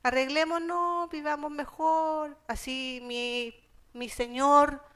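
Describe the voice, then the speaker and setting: Una mujer con acento chileno predicando un sermón, que lee pasajes bíblicos y los explica en palabras sencillas y cercanas. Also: female voice, high voice, fairly even intonation, takes it slowly, fairly bright tone. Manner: conversational, explains scripture in plain everyday terms; reads Bible passages aloud. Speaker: preacher. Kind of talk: sermon.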